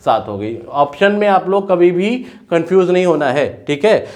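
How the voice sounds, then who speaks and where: A man teaching a class, asking questions and then answering them himself, and repeating points slowly so students can write them down. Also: high-pitched, expressive, darkish tone. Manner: repetitive, dictating notes slowly word by word. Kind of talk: classroom lecture.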